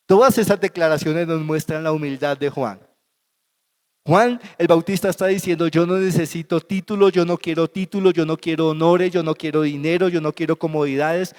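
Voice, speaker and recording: A man's voice: fairly high pitch, darkish tone. A man with a Colombian Spanish accent preaching a sermon as pastor, emphatic and repetitive in his delivery. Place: church sanctuary. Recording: long church hall reverb.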